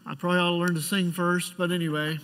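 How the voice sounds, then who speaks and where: A middle-aged man preaches in a notably high voice, his words ringing in a big, reverberant church. His delivery is conversational and pastoral, moving through the sermon with pauses and halting restarts. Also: little pitch movement, fairly bright tone. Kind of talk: church sermon with personal storytelling and prayer. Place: large church sanctuary. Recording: church hall with long reverb.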